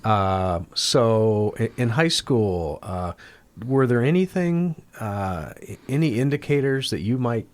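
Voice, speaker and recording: A man's voice: medium pitch, expressive, slow pace. A man hosting an interview, asking hesitant questions and giving short affirmations. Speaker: interview host.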